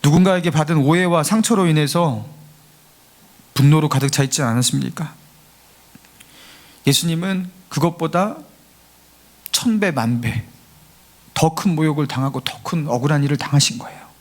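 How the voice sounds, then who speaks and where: A man's slightly high voice moves at normal speed, broken by long pauses. He's a pastor giving a Sunday sermon in a church sanctuary, pleading earnestly, imitating the jeers of scoffers, and building to fervent emphasis.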